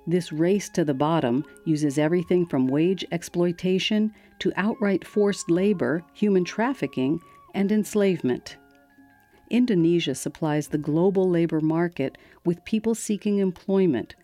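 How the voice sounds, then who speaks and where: A woman hosting a radio program, giving scripted narration in a measured, steady way. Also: lowish voice. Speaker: radio host.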